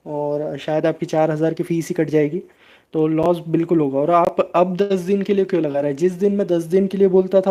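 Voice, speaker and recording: Flat-voiced man explaining in a live stream. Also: high voice. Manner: steady explaining, frequent hesitation sounds. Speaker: crypto channel host. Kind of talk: live stream answering viewer chat.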